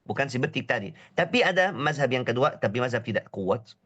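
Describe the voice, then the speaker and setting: A man's voice: mid-range voice, expressive, a bit bright. Man with a cold teaching recitation. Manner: drawls out Arabic words slowly to demonstrate pronunciation; repeats short syllables and phrases for drilling. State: has a cold. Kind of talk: online tajweed lesson.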